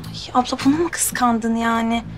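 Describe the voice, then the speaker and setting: An actress playing a calm, polite young woman who speaks English. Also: on the high side, normal speed, music in the background, close to an everyday voice. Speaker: sister-in-law.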